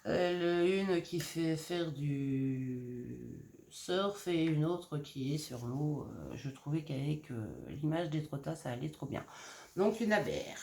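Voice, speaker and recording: A woman from Normandy in France, casually showing her handmade crafts in a gentle, hesitant way with many fillers. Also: low-pitched, slow. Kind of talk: casual craft show-and-tell. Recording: roomy echo, faint background noise.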